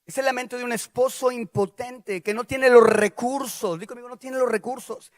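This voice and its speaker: A man delivers a sermon in a lively, animated way, tossing playful questions to the congregation. His voice sits very high for a man. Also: normal speed. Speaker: preacher.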